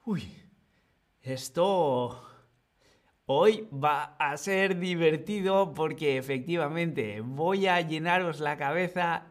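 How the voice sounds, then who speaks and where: Teacher guy, slow and patient, a bit high voice, chatty with his students. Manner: slow, patient, playful, talks to chat. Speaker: Spanish teacher. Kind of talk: live-streamed grammar lesson.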